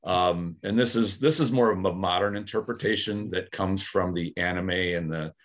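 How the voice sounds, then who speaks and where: A deep-voiced man talks at normal speed during a casual podcast discussion he co-hosts. He practices aikido and thinks aloud, hesitant and reflective, with many fillers and restarts along the way.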